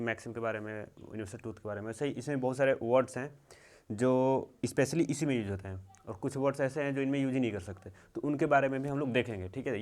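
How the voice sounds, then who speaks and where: A young man teaching English grammar in a slow, repetitive way, checking in often. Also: medium pitch, a little mellow. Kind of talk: classroom-style grammar lesson.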